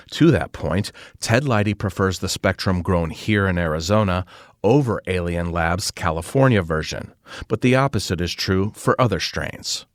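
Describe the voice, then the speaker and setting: A man's voice: sits low, dry recording, clean studio sound. A man reading scripted feature narration as a reporter.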